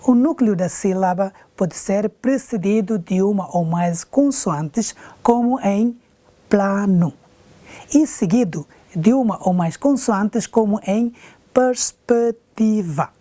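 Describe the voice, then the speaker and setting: A woman teacher with an Angolan Portuguese accent, giving a slow, deliberate televised lesson. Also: medium pitch, animated, warm tone, no room sound.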